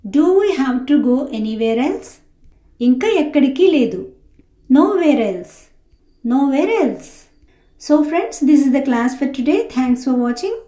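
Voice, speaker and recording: High-voiced woman teaching English slowly. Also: expressive, warm tone, roomy sound. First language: Telugu. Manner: says each English sentence slowly twice after a brisk Telugu line. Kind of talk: spoken English lesson, slow repeated sentences.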